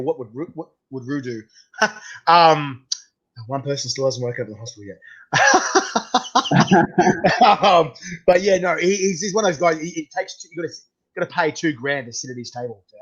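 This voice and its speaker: A man's voice: a little high, animated, normal speed, a bit bright. A man with a broad Australian accent hosting a casual interview, chatting in a matey, slangy way. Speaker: host interviewing a guest. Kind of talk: casual chat. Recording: dull, lo-fi sound.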